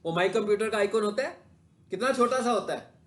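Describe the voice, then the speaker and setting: Man, high voice, classroom lecture, asks his own questions and answers them. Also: fast talker, a bit bright. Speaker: digital marketing instructor. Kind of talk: classroom lecture with screen demo.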